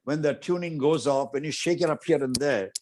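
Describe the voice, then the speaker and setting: A man's voice: fairly high pitch, fairly quick, darkish tone, slight background noise. A middle-aged man from India guiding a guest through exercises in an interview, commanding and coaxing, repeating short instructions. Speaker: martial arts master guiding an interview demonstration. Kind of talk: instructing over a video call.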